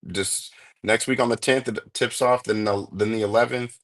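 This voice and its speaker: Low-voiced laid-back sports host. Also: male voice, fairly even intonation, moderate pace, a bit bright. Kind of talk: casual sports talk.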